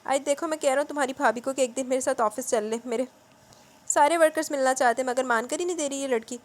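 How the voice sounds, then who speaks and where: A woman's voice: sits high, voice pushed up, close to an everyday voice. A woman reading the lines of an affectionate man who coaxes and teases his wife and sister. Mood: coaxing. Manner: warm coaxing, light teasing. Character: affectionate older brother and husband, teasing.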